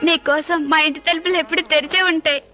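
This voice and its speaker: A young film wife, scolding and tearful by turns. Her voice is very high, and music plays clearly under the dialogue. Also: fairly even intonation, quick pace, bright, forceful tone. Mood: friendly. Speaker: actress in a film.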